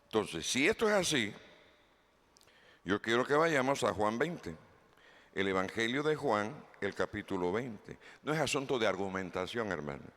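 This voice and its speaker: A man's voice: fairly low pitch, sing-song, moderate pace, a bit bright. A man preaching a sermon as pastor, reading scripture aloud and putting questions to the congregation. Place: church hall. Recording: long hall reverb.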